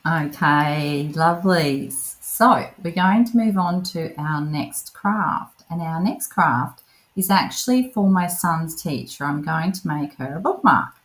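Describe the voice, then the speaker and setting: A woman's voice: low-pitched, expressive, slow pace, poor audio. A middle-aged woman chatting through her craft project in a casual voice-over, self-deprecating and friendly with her viewers. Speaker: craft vlogger.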